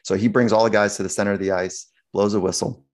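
A man's voice: on the low side, quick pace. A man, a sports psychologist, telling a story in a casual interview, acting out quotes with lots of restarts. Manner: animated storyteller, acts out quotes, many restarts.

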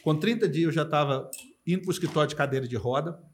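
Fast-talking, high-voiced Brazilian man. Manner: emphatic, fillers like "cara" and "entendeu". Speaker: guest telling his story. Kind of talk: casual podcast chat.

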